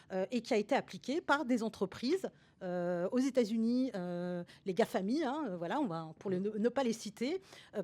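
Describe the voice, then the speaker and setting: A woman's voice: fairly high pitch, a little mellow. A woman consultant explaining a topic over slides in a webinar, hesitant and full of fillers, with restarts and tags at the ends of her sentences.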